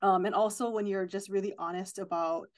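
A woman's voice: mid-range voice, steady tone, a little fast, a little mellow. A woman hosting an interview, speaking in an earnest, reflective and supportive way. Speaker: host. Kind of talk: radio-style interview talk.

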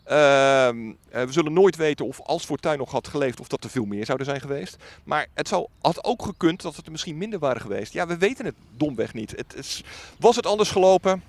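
A man, a former political reporter, recounting events in an interview, halting with many filler sounds. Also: fairly high pitch, expressive.

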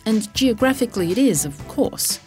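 A woman, hosting a podcast and reading a scripted introduction in a smooth read-aloud way. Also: a little high, expressive, moderate pace, music in the background. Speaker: podcast host.

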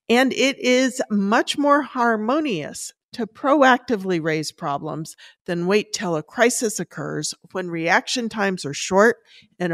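A woman's voice: mid-range voice, dry recording, studio quality. Woman giving upbeat, tidy advice, closely recorded. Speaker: personal finance expert giving advice. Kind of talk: prepared advice segment in conversational interview.

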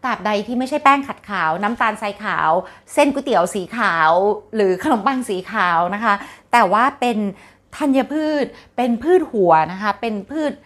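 A woman's voice: a little high, lively intonation, normal speed, a bit bright. A woman hosting a casual health talk, chatting to viewers in a friendly explanatory way and referring to herself by her nickname.

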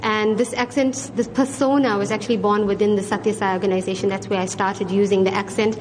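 A woman's voice: mid-range voice, steady tone, brisk, darkish tone. A middle-aged South African woman, a restaurateur and singer, chatting freely in an interview. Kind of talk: interview answers. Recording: noisy crowd behind.

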